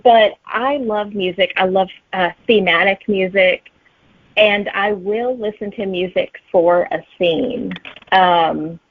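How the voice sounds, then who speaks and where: A middle-aged woman, a romantic suspense author, is a guest in an interview, sharing stories and thinking aloud as she chats. Her voice sits in the mid range and she speaks slowly, with no room sound. The audio comes over a thin, band-limited line that sounds like a phone.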